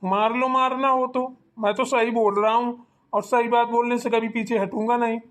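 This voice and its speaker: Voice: mid-range voice, level tone, normal speed, a bit bright, close to an everyday voice. A performer voicing a grown son in a Hindi cartoon, who reasons with his mother in an earnest, persuasive way. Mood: pleading.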